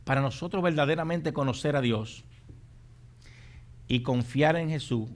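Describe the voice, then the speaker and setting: A man preaching a sermon as pastor, moving from quiet, measured teaching to shouted, repeated exhortations to the congregation. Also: a little high. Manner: repeats phrases for emphasis, calls out to the congregation.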